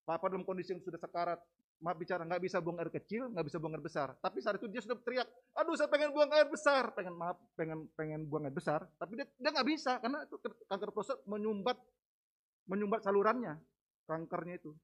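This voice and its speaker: High-voiced man preaching a dramatic testimony. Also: fast. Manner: dramatic, swings from hushed to loud. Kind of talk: sermon testimony. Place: church.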